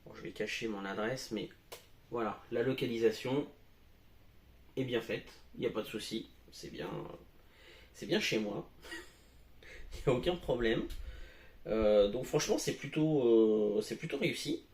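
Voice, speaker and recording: A man's voice: mid-range voice, unhurried, pauses often, a little mellow, echoey room. Hesitant French man demoing a gadget. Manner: hesitant, many fillers. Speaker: tech reviewer. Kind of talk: casual product demo. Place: home.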